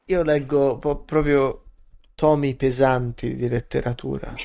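A man's voice: mid-range voice, fairly even intonation, measured pace, vocal fry, a little mellow. A man co-hosting a podcast in casual, joking chat, often repeating his phrases. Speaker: podcast co-host.

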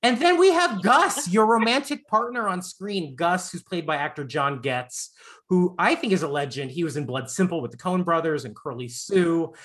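Hosting a laid-back celebrity interview, a roughly forty-year-old man from the American South keeps things effusive, campy and playful. He was born on Long Island and raised in Florida. His high-pitched, expressive voice moves at a normal speed with a fairly bright tone.

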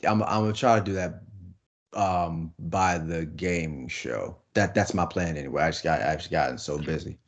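Deep-voiced male co-host, hesitant and easygoing in conversation. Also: moderate pace. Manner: hesitant, many fillers and restarts. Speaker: podcast co-host. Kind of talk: casual chat.

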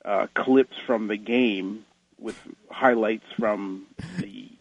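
Radio phone-in caller: male, excitable ranter, muffled lo-fi phone line. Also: fairly low pitch, takes it slowly, no echo. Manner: excitable, ranting, voice jumping up when worked up. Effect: phone-in caller heard over the phone line. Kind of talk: casual chat.

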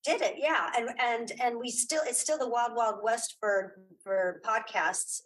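Chatting casually as an interview guest, a woman who makes podcasts and audio dramas is emphatic and encouraging, repeating phrases to press her point. Her voice is on the high side, unhurried and fairly bright. The recording is rough.

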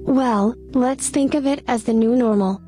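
A woman's voice: fairly high pitch, unhurried, warm tone, soft background music, natural voice. A young woman playing a playful, teasing young woman who talks in a breezy, coaxing way.

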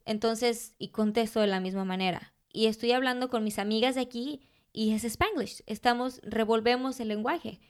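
Lively Mexican woman, clear voice. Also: on the high side, normal speed. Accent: Mexican Spanish. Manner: lively, animated, laughs often. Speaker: podcast co-host. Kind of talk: casual chat.

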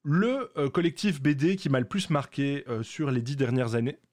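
A man's voice: medium pitch, lively intonation, normal speed, darkish tone. A man co-hosting a podcast in a casual, jokey, rambling way. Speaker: podcast co-host.

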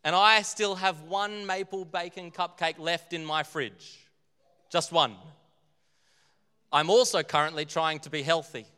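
A man's voice: fairly high pitch, steady tone, unhurried, pushed and bright, clean tone. A male pastor giving a humorous sermon, telling jokey, self-deprecating stories. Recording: long hall reverb, faint music.

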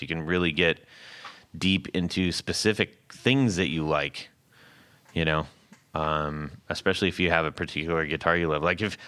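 A man's voice: low voice, a bit bright. A man from California, hosting a podcast in a chatty, encouraging way. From California, USA. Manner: chatty, encouraging, quick to chime in. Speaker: podcast host. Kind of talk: casual interview chat.

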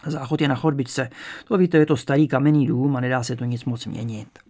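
In an audiobook, a man with a mid-range, near-everyday voice plays a small, chatty landlady of about seventy. She speaks in a fussy, cautious way at first, then turns eager and warm.

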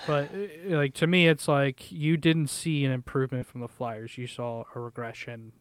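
A man's voice: medium pitch, fairly even intonation, normal speed, no echo. A young man co-hosting a sports podcast, speaking casually and emphatically, often repeating words as he thinks. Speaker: podcast co-host.

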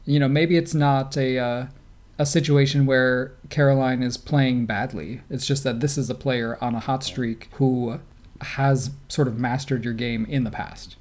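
A man's voice: mid-range voice, fairly even intonation, measured pace, darkish tone. A man with a Great Lakes American accent giving casual sports commentary as a podcast co-host.

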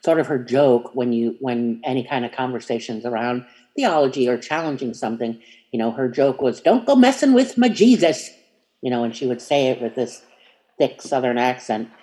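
Gentle, meandering spiritual speaker. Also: medium pitch, fairly even intonation, normal speed. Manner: meandering, hesitant, many fillers and restarts; gentle and inviting. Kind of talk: reflective spiritual talk.

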